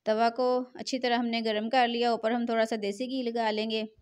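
A woman's voice: on the high side, level tone, a little fast, clear, resonant tone. Chatty middle-aged woman. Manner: chatty, repeats filler phrase "jo hai na". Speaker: cooking channel host. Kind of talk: cooking tutorial voice-over.

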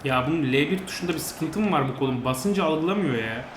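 A man giving frustrated, grumbling commentary over a football video game, now and then yelling at his players. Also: a little high, expressive, quick pace. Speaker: gaming channel host. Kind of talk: live commentary over gameplay. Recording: roomy sound with faint noise.

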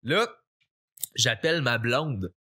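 A young man with a Quebec French accent tells a personal story on a podcast. He speaks casually at an average pitch for a man, and keeps jumping into high, excited quotes of his younger self. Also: slightly rough. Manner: animated, acts out his past self in quick high quotes. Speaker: podcast guest.

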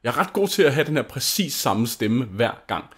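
A man's voice: medium pitch, big pitch swings, breathy edge. A young man from Denmark hosting a gaming channel, chatting casually over gameplay in a rambling, gushing way full of fillers and restarts.

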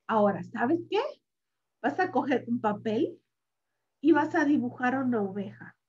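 Slow, high-pitched woman reading a picture book. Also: highs cut off. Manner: slow, sing-song and animated, with sound effects and questions to the child. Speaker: children's story reader.

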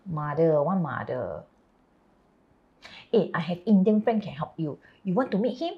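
A woman's voice: lowish voice, sing-song, unhurried, lo-fi sound. A woman playing a chatty, blunt Singaporean character in a comedy series, speaking colloquial Singlish with lah and lor. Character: chatty, blunt Singaporean Indian woman raised in a Chinese household. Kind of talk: scripted comedy series dialogue.

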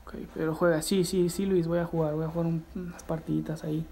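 A man hosting a live gameplay stream, chatting excitedly and reading viewer messages aloud. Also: on the high side, fast talker. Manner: excitable, reads viewer chat aloud, shouts at the game. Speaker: livestreaming gamer host. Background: game music.

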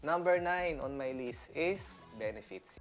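A man's voice: on the high side, a little slow, over loud music. A man from the Philippines, a seaman, talking casually in a chatty vlog, laughing often and mixing in English. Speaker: seaman vlogger.

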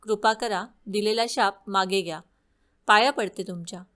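A woman's voice: medium pitch, normal speed, a bit bright, lightly acted. Storybook: humble young princess, begging forgiveness, read by a woman narrator. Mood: pleading. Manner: pleading, apologetic.

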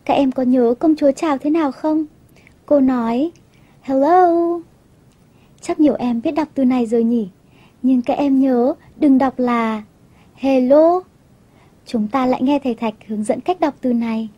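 A woman teaching children English on television, telling a story and asking them gentle questions. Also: sits high, fairly even intonation, moderate pace, breathy edge, muffled recording.

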